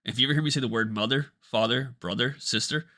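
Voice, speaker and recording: Bright-voiced Kentucky man, careful th sounds. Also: mid-range voice, fast. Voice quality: speech impediment with th sounds, careful breaks in words. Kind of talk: casual chat.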